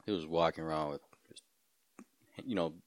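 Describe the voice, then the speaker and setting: A young man chatting casually as a podcast host, laid-back and quick to laugh while rambling through stories. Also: very deep voice, no echo. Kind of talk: casual chat.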